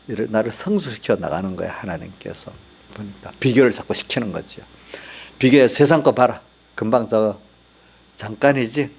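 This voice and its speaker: A middle-aged man preaching in church, his voice gravelly with a touch of fry. He speaks at a mid pitch in an easy, conversational way and keeps turning to the congregation for a reply. His pace is unhurried. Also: a little mellow. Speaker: pastor. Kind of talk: sermon.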